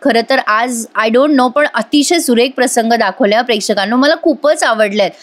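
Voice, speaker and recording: A woman's voice: fairly high pitch, normal speed. A woman narrating a voice-over review of a TV serial episode, emotive and speaking directly to her viewers.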